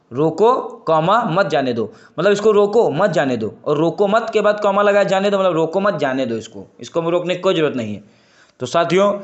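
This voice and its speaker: A man's voice: on the high side, highs cut off. A man teaching an online exam prep lesson, stressing key terms by repeating them and promising the viewers they will not go wrong. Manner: emphatic, repeats key terms and list items; addresses viewers as friends, makes promises.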